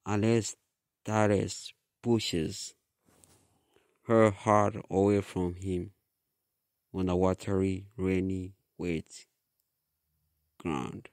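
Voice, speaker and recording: A man reading his own story aloud in a slow, halting way with restarts. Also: low-pitched, flat delivery, a little mellow, smooth, no echo, clean studio sound. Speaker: author reading his book. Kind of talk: storybook narration.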